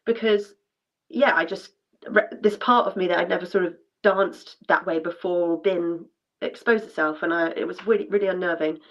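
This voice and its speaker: A woman's voice: fairly low pitch, normal speed. Woman telling a personal story. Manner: chatty, with many fillers and restarts. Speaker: former dancer sharing her story at an event. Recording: dull lo-fi sound.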